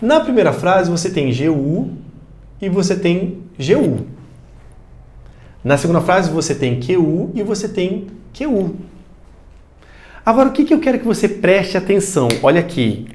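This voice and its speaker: A man's voice: sits high, very animated, normal speed, long pauses, darkish tone. A man teaching a recorded grammar lesson, talking straight to the student and repeating the key points.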